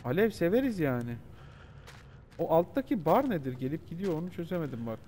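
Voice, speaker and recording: A man with a high voice that swings widely up and down as he streams a horror game. He riffs, curses freely and talks straight to his chat. A faint hiss sits under the voice. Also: brisk. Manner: excitable, joking, swears freely, talks to chat. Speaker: gaming streamer. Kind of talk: live gameplay commentary.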